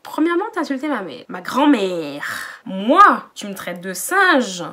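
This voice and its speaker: A young woman from the Bordeaux area recounts a story straight to her viewers. Her talk is animated and full of slang, at a mid-range pitch for a woman. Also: unhurried. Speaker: vlogger. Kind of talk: storytime vlog.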